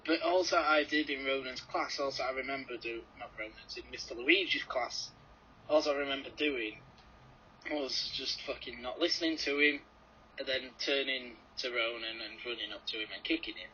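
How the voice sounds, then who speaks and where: A man's voice: medium pitch, moderate pace, sharp tone, a little hiss or hum. A young man co-hosting a podcast in casual chat, joking and teasing his friends, swearing now and then. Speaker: podcast co-host. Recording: dull lo-fi podcast recording.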